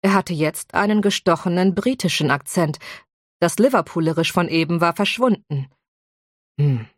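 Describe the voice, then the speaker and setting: A woman narrating a first-person audiobook in an even, measured way. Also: lowish voice, dry recording, clean studio sound.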